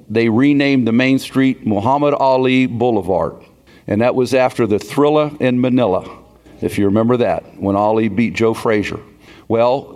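A man's voice: medium pitch, a little mellow. A man in his sixties from Pennsylvania, emceeing a banquet and telling stories in a folksy way that builds to a punchline. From Beaver Falls, Pennsylvania. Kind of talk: storytelling speech at a banquet.

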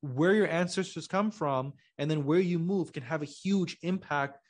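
Brief: male podcast guest from Pakistan, somewhat high voice, patient explainer, casual tone. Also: moderate pace. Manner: explains patiently, checks in with "right?". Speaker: guest, genetics company co-founder. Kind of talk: casual conversational interview.

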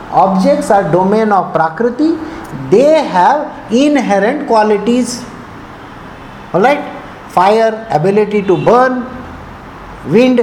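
Male spiritual teacher, South Indian accent, high-pitched voice, chatty instructive delivery with questions to listeners, echoey room. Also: darkish tone. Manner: didactic, conversational, often checking understanding with questions; switches between English and Hindi. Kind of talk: informal spiritual discourse. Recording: echoey room with faint noise.

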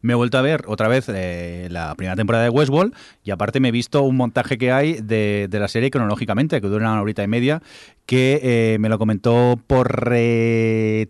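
A man's voice: on the low side, a little mellow, clean tone, no room sound, studio quality. A man from hosting a casual podcast chat, thoughtful and hesitant with fillers. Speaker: podcast host.

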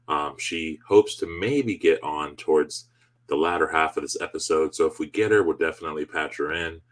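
A man with a deep voice hosts a sports podcast. He speaks conversationally, as someone steering a discussion with a co-host. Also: moderate pace, a bit bright. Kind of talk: conversational sports show hosting.

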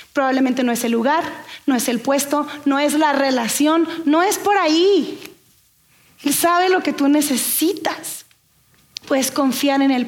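High-voiced woman preaching. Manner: conversational preaching, asks the audience questions. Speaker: pastor. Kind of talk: sermon.

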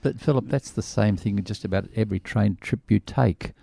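Gravelly low male co-host, quippy. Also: normal speed, dark tone, dry recording, studio quality. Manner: quippy, laughs often. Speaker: radio show co-host. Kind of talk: casual studio chat. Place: radio studio.

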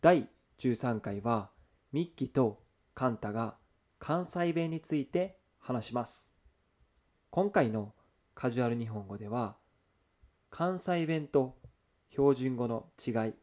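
A man hosting a language lesson, giving a scripted introduction with slow, careful enunciation for learners. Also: mid-range voice, animated, a little mellow. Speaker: host of a Japanese learning show.

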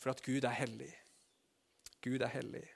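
A man preaching a sermon to a congregation, animated, swinging between loud bursts and hushed low passages and asking rhetorical questions. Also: vocal fry.

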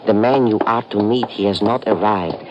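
A man's voice: on the low side, normal speed, lo-fi sound, very noisy, natural voice. A man playing a polite, servile waiter. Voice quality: formal, deferential, keeps saying sir. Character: polite, servile male waiter, eager to please. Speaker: restaurant waiter in a radio drama. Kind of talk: 1950s radio drama acting.

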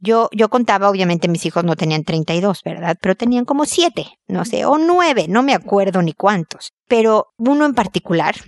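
A woman's voice: medium pitch, lively intonation, fairly quick, few pauses, no room sound, clean studio sound. A woman hosting an advice show, answering listener letters in a conversational way and acting out bits of family dialogue.

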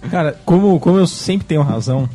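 A man's voice: fairly high pitch, a little fast, warm tone, faint music behind. A man in casual chat among friends, bragging bluntly and swearing casually.

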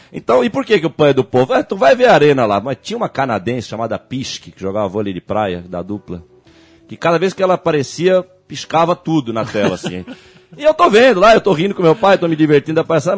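A man's voice: fairly high pitch, sing-song, quick pace. A man, co-hosting a podcast in a loose, profane, rambling and jokey rant. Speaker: podcast co-host. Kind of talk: ranting casual chat.

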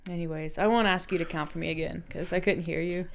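A woman in her thirties, somewhat low-pitched, chats casually on a podcast. She tells stories in a lively way and acts out what people said. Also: fast, vocal fry, a little hiss or hum. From North Carolina, US. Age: 30s. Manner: chatty storyteller, acts out quotes. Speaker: podcast co-host. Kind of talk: casual chat.

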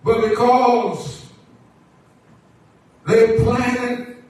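Slow-preaching man in an echoing church. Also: very high voice, steady tone, a little mellow, slight background noise. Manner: drawn-out preaching cadence with swelling emphasis. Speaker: pastor. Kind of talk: sermon. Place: church sanctuary. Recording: very echoey church recorded from a distance.

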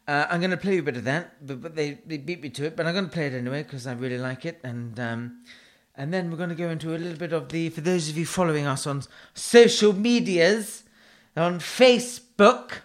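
On his radio show, a man with a slightly high, somewhat bright voice chats in a rambling, comedic way, scattered and quick to make fun of himself.

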